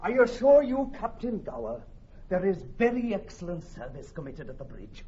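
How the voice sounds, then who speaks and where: Fluellen, pedantic high-voiced captain. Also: male voice, big pitch swings, normal speed, mellow. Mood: boastful admiring. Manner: fussy, emphatic explaining. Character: pedantic, earnest, excitable Welsh army captain. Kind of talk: theatrical Shakespearean radio acting. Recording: dull, noisy old radio recording.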